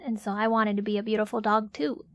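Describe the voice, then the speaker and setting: A woman's voice: medium pitch, fairly even intonation, fast, no room sound, highs cut off. A woman livestreamer chatting casually in a cute anime-streamer manner. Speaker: streamer, VTuber host. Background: faint music.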